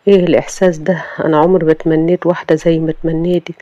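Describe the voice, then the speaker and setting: A woman's voice: sits low, little pitch movement, racing, dark tone, no room sound, muffled recording, close to an everyday voice. A woman with an Egyptian accent voicing a harsh, proud rich young man who talks in a brusque, commanding way in a romance story.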